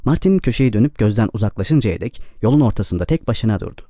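Warm-voiced male audiobook narrator. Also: fairly low pitch, lively intonation, quick pace, dry recording. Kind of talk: scripted narration. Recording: slightly dull, dry recording.

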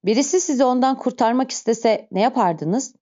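A reserved male stranger who answers in short, calm words, read by a woman in her own voice. The tone is mellow and the recording dull and lo-fi. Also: fairly high pitch, moderate pace, pitched above the performer's own voice, natural voice. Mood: curt. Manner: curt, terse.

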